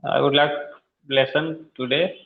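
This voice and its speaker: Indian man learning English, halting speech, tinny phone-like audio in a roomy space. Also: fairly high pitch, fairly even intonation, creaky. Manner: halting, hesitant. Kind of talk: casual conversation practice. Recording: tinny echoey call audio.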